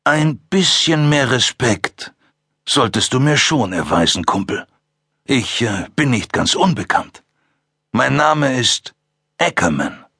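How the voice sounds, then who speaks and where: A man voicing a calm, amused male serial killer who talks down to two cops in a mocking, drawn-out way. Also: medium pitch, gravelly, breathy edge, dry recording, clean studio sound, pitched above the performer's own voice, heavily acted. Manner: mocking, taunting, drawn-out delivery.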